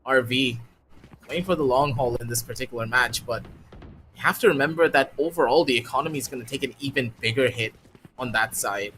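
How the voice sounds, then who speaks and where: A man giving color commentary on a video game match, explaining the economy and plays before building to excited calls. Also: mid-range voice, brisk, a little hiss or hum. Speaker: esports color caster. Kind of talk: live analytic commentary.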